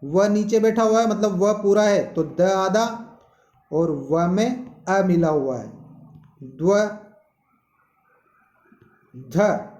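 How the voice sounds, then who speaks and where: Slow, patient male teacher. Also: high-pitched, darkish tone, roomy sound. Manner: slow, explanatory, asks questions. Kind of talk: classroom-style lesson.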